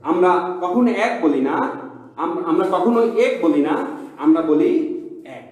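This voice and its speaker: A man's voice: sits high, animated, normal speed, darkish tone. A male college teacher giving an online class lecture, explaining step by step, repeating himself and asking his students questions. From Bangladesh. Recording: very echoey room.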